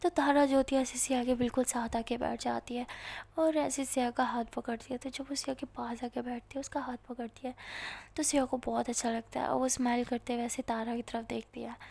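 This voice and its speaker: Woman, Indian accent, casual story narration, slightly high pitch, animated quoted dialogue. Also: creaky.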